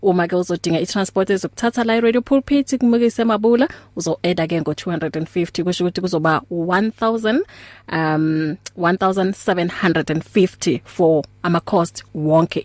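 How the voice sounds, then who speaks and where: A woman's voice: lowish voice, darkish tone, no echo. A woman with a South African Zulu accent presenting on radio, making announcements and chatting. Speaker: radio host.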